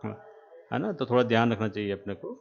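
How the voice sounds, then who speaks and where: A man lecturing trainee teachers, speaking slowly and repeating key terms, with frequent checks that the class is following. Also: medium pitch, expressive, vocal fry, dull audio, a little hiss or hum. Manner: asks "है ना?" to check understanding.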